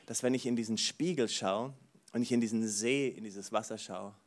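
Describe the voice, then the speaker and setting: A man preaching a sermon, animated, moving between soft asides and loud bursts, often exclaiming "wow". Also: fairly low pitch, normal speed. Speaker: pastor.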